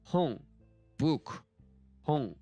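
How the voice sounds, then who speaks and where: Slow, halting man thinking aloud. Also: on the high side, very animated, dark tone, breathy edge, no room sound, soft background music. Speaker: language learner teaching a lesson. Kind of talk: casual screen-share lesson commentary.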